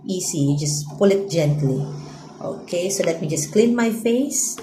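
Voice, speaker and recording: A woman in her thirties giving a casual product demo, halting often with fillers and restarts as she explains. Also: lowish voice, expressive, roomy sound, background noise. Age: 30s. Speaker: vlogger. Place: bathroom.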